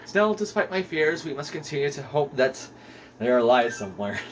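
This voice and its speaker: A man's voice: a little high, big pitch swings, fairly quick, slight background noise, low-quality recording. A man voicing a pompous, grandiose male aristocrat with theatrical, self-important delivery while reading game dialogue aloud. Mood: melodramatic.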